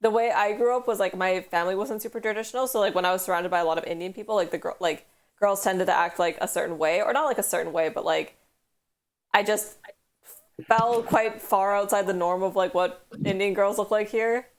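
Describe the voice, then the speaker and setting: Her mid-range voice stays steady and runs a little fast as this young Canadian woman, West Coast accent and all, chats casually on a stream. She rambles from story to story, saying "like" a lot, and is heard through headphones.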